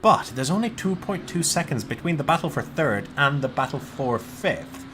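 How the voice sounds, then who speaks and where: A man's voice: on the high side, sing-song, normal speed, fairly bright tone, slight background noise. A man commentating a sim race in a casual, jokey way. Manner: jokey, swears, laughs between calls.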